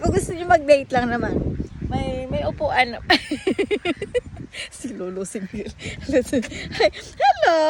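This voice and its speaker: A woman's voice: mid-range voice, darkish tone, a little hiss or hum. A woman vlogging as she walks outdoors by a park pond, chatting and joking, often laughing and mixing in English phrases, recorded on a handheld phone. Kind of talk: casual walking vlog.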